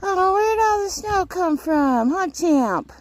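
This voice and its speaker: A woman voicing her farm horses as greedy beggars pleading for cookies in a squeaky, wheedling voice. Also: animated, slow, exaggerated voice. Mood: begging.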